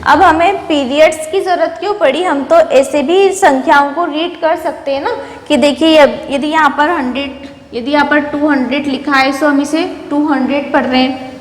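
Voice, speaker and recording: Woman teacher, very high voice, asks then answers her own questions, room with long reverb. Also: steady tone, moderate pace. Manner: asks questions and answers them herself, repeats key terms. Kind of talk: classroom maths lesson.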